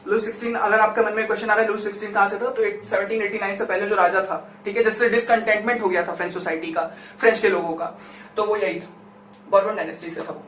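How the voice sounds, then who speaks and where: A man's voice: high voice, level tone, fast, fairly bright tone. A man from India giving a conversational classroom lecture as a teacher, chatty and constantly checking in with his listeners. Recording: roomy echo, distant mic, faint noise.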